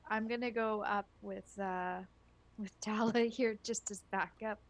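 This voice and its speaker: A woman's voice: medium pitch, steady tone, a little slow. A woman playing a tabletop game, talking casually and hesitantly with frequent restarts. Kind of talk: casual chat.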